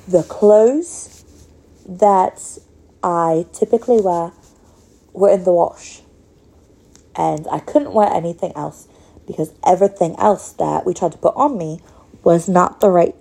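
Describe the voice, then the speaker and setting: A woman's voice: on the low side, vocal fry, warm tone. A woman hosting a podcast, speaking in a rambling, casual monologue with many fillers. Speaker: podcast host.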